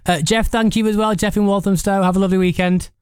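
A man's voice: high-pitched, steady tone, fast talker, dry recording. A man from South Yorkshire hosting a radio phone-in and reading the news headlines in a studio. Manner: chatty, then crisp newsreading. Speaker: radio presenter. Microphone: studio microphone.

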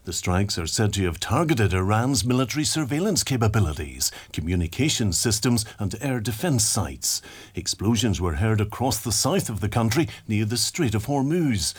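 Husky newsreader, animated low-voiced man. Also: normal speed. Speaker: news reader. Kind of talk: scripted news bulletin reading.

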